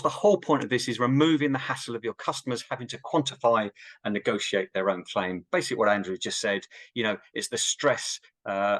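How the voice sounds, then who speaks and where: A man's voice: fairly low pitch, fairly bright tone. Upbeat man presenting a webinar. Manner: upbeat, emphatic, sometimes jokey. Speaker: insurance relationship director presenting a webinar.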